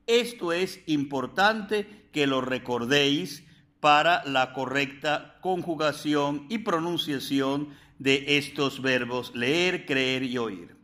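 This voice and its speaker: A man with a fairly high voice gives a recorded video lesson. He speaks slowly and carefully, repeating each word form so students can follow. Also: pushed and bright. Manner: slow, spells out and repeats verb forms. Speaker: Spanish teacher.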